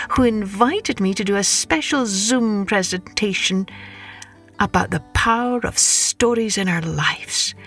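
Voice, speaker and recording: Female children's podcast host: animated storytelling narration, unhurried and carefully phrased, music behind. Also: mid-range voice.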